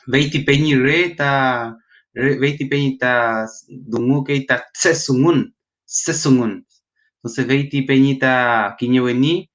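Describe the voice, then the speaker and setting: A man answers as a guest in a casual interview, hesitant and full of pauses and fillers. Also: mid-range voice. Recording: dull lo-fi sound.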